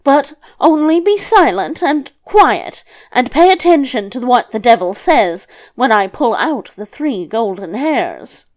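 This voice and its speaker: Casting: female reader as elderly fairy-tale grandmother, high voice, sly, scolding yet soothing, drawn-out delivery. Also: sing-song. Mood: conspiratorial. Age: older.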